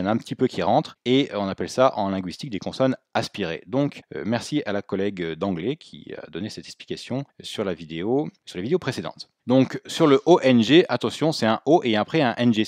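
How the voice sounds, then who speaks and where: A man with a fairly low voice gives a spoken language lesson. He explains patiently and models each sound for learners to repeat. The recording is dry and close. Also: dry recording. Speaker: Mandarin teacher.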